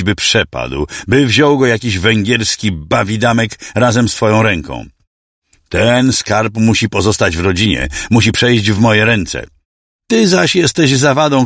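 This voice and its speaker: A man's voice: on the low side, a bit bright, no echo, clean studio sound, voice pushed up, exaggerated voice. A man voicing a cruel, greedy young nobleman who speaks coldly and with menace in an audiobook story. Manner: cold, sneering, menacing.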